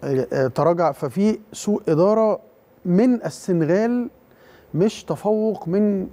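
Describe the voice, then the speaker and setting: A man's voice: sits high, normal speed, mellow. An Egyptian man with an Egyptian Arabic accent, a guest analyst breaking down a football match, hesitant, with many fillers and restarts. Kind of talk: studio sports analysis.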